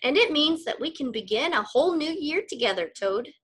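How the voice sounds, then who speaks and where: A woman voicing an eager, cheerful male frog who calls out loudly and high as he tries to wake his friend. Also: expressive, brisk. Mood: coaxing.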